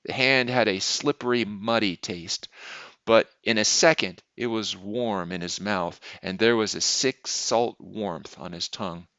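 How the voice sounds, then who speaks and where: A man narrating a short story aloud in a steady, measured reading, in a dull lo-fi recording. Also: lowish voice, dry recording. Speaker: audiobook reader.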